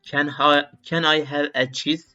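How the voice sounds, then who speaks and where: A man's voice: a little high, flat delivery, takes it slowly, sharp tone. A man studying on camera, thinking aloud and repeating short phrases to himself in a casual vlog. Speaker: language learner vlogger. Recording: dull lo-fi sound with faint music.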